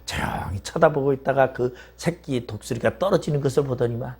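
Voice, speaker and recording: A man's voice: mid-range voice, fairly quick, darkish tone, breathy edge. A male pastor preaching a sermon in a church, telling a story vividly and asking rhetorical questions.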